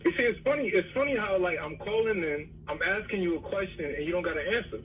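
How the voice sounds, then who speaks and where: Fast, blunt man from Barbados. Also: sits high, lively intonation, a bit bright, distant mic, a little hiss or hum, low-quality recording. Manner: confrontational, blunt. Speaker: caller.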